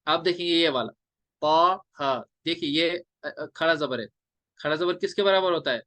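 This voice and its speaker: A male teacher explaining recitation rules step by step, drawing out letters in slow chanted examples. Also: fairly high pitch, a bit bright, no echo. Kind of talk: classroom lecture on recitation rules.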